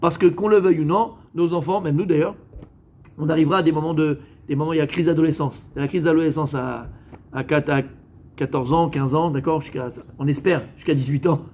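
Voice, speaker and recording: French rabbi, high male voice, chatty joking sermon, addresses the crowd directly. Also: fairly even intonation, quick pace, darkish tone, slight background noise. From France. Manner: joking, conversational, talks straight to listeners; mixes in Hebrew religious words. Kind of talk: lively sermon to a live audience.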